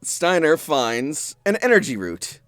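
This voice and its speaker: A man narrating as game master of a tabletop role-play, playful and animated. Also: fairly high pitch, slow, no echo.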